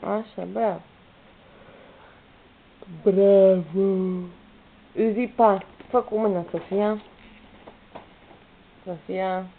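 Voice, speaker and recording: A woman's voice: mid-range voice, steady tone, creaky, long pauses. A young woman at home filming her toddler, coaxing her with playful, repetitive baby talk. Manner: coaxing, repetitive prompts to a small child. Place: home, in a room with a bed. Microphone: camera's built-in mic. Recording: tinny lo-fi home camera audio with faint noise.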